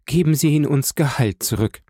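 A man's voice: medium pitch, normal speed, dark tone, breathy edge, no echo, clean studio sound, pitched above the performer's own voice, natural voice. A man reading an audiobook, voicing a distraught young woman who pleads and exclaims. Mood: pleading. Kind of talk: audiobook character voice.

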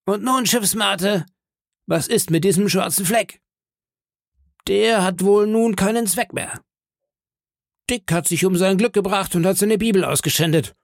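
Man doing Long John Silver, gravelly and scornful. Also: high voice, a little slow, pauses often, no room sound, studio quality, voice pushed up. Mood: mocking. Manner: scornful, threatening. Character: cunning older male pirate leader, menacing.

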